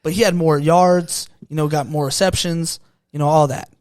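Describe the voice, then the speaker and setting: A man's voice: fairly high pitch, fairly even intonation, normal speed, a little mellow, no echo, clean studio sound. A young man hosting a casual podcast, teasing his father with laid-back questions. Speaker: podcast host.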